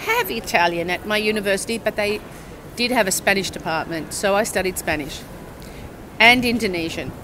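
An Australian woman in her sixties with a bright, forward voice tells her story in a relaxed outdoor interview. She rambles and corrects herself, often checking that the listener is following. She speaks into a lapel mic at a cafe table on a town square, with faint street sound behind her. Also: mid-range voice, fairly quick, slight background noise, rough recording. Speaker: university English teacher. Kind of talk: casual interview, long storytelling answers.

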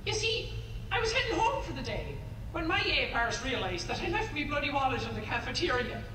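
A man's voice: extremely high pitch, big pitch swings, normal speed, pushed and bright, full character voice. An actor playing a nervous male factory worker with a British accent, stammering as he gives his statement. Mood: shaken. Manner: rattled, stammering, swearing casually. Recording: echoey distant tape playback with hiss.

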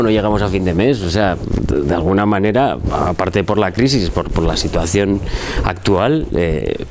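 Low-voiced man in an interview. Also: a little hiss or hum. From Vitoria, Basque Country. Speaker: supporting actor. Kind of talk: interview answers. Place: indoor press room in front of a film poster.

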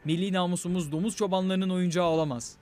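A man's voice: sits high, steady tone, fast, darkish tone, faint music behind, lightly acted. A man reading period quotes for a documentary, acting out a proud, confident Ottoman commander. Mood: dramatic.

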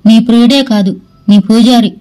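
A woman's voice: fairly high pitch, steady tone, normal speed, close to an everyday voice, low-quality recording. A woman voicing a young husband in a storybook, sarcastic at first and later tender. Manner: sarcastic, later gentle and pleading. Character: brooding young husband, harsh then tender.

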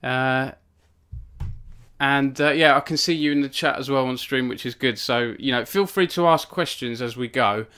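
A man's voice: mid-range voice, moderate pace, bright, forceful tone, clear, resonant tone. A young man hosting a casual live stream from his home cabin, rambling with many fillers and self-deprecating asides. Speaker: author hosting a book launch stream.

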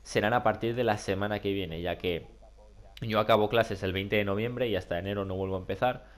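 A man's voice: on the low side, fairly even intonation, a little fast. A young man with a Spain Spanish accent and a nasal, duck-like voice congested by a cold, chatting casually and colloquially as a gaming YouTuber. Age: young adult. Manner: rambling, colloquial. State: sick with a cold. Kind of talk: casual chat over gameplay. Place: small room at home.

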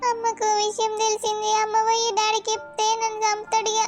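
A very high, flat-toned teenage village girl, voiced by a woman pleads and apologizes. Faint music plays behind her cartoon lines. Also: fast, dry recording. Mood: sad. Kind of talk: cartoon voice acting.

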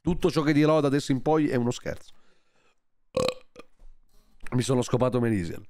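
A man's voice: medium pitch, fairly quick, a little mellow, dry recording. A man commenting live on a stream in a sarcastic, joking and crude way. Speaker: streamer reacting to a podcast.

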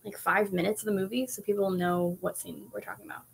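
Creaky-voiced woman, thoughtful interview guest. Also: mid-range voice, fast, slight background noise. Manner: thoughtful, many fillers and laughs. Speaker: actress guest. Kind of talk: casual interview chat.

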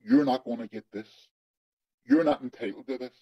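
A man's voice: mid-range voice, normal speed, no echo. A man interviewed about his past with his voice digitally altered to hide who he is. He talks bluntly and emphatically, swears often and repeats words for stress, over a dull remote connection. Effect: voice digitally altered to disguise identity. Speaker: interviewee, former undercover agent. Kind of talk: angry first-person testimony in an interview.

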